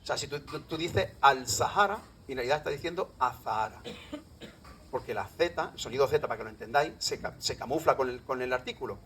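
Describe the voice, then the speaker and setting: A man's voice: medium pitch, quick pace, few pauses, slight background noise, poor audio. A middle-aged man from Andalusia with an Andalusian Spanish accent gives a live public talk as a lecturer, often quizzing his audience. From Andalusia, Spain.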